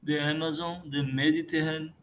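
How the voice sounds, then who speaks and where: A man's voice: a little high, level tone, normal speed, a little hiss or hum. A man student, reading English examples aloud carefully in class.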